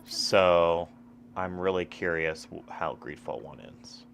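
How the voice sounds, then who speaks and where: A low-voiced man talks casually about video games. His chat is loose and profane, full of fillers and restarts as he rambles from one thought to the next. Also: fairly even intonation, slow, creaky, a bit bright, a little hiss or hum. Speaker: gaming streamer.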